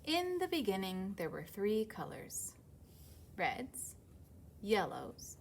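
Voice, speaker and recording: Speaking slowly with wide swings in pitch, this medium-pitched woman hosts story time for kids in an American accent. She keeps her language simple and poses questions to her young audience, while background noise is clearly audible.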